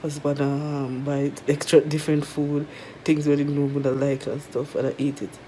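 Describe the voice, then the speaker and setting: A woman with a Jamaican accent chats casually to viewers in a halting, weary way, her throat sore and mouth dry after tonsil surgery. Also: sits low, little pitch movement, dark tone, slight background noise. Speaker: vlogger. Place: resting at home in bed.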